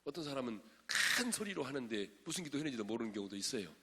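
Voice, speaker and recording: A male pastor preaching to a congregation, swinging from shouted exhortation to hushed asides and quizzing his listeners. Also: mid-range voice, big pitch swings, fast. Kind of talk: sermon at a prayer meeting. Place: large church sanctuary. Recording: long reverb of a large church hall.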